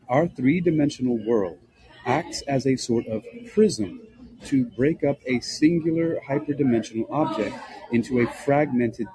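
A man reading a nonfiction book aloud in a measured, formal, scholarly way, with a husky, rough-edged voice. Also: mid-range voice, mellow, low-quality recording. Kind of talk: scripted narration, reading aloud.

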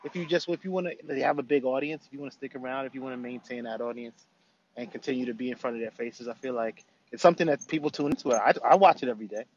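Rapid, rambling male caller over a clipped, lo-fi phone line from a car. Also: medium pitch. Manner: fast, rambling talker with fillers. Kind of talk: casual call-in chat. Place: in a town car. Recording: dull lo-fi phone call with faint car noise.

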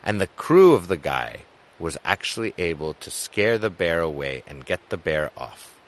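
A man hosting a podcast, telling outdoor adventure anecdotes in a casual way, with loud excited bursts and quiet trailing endings. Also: deep voice, normal speed, slight background noise. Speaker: podcast host.

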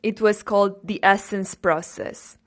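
A young woman from Romania hosting her own podcast, telling her personal story in an earnest, grateful, unhurried way. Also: mid-range voice, steady tone. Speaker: podcast host. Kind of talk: casual personal monologue.

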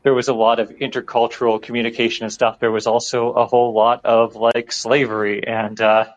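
A man calls in to a show and chats casually, rambling with lots of restarts and fillers. His voice is medium-pitched and level, his pace fairly quick, and the call line sounds dull and lo-fi.

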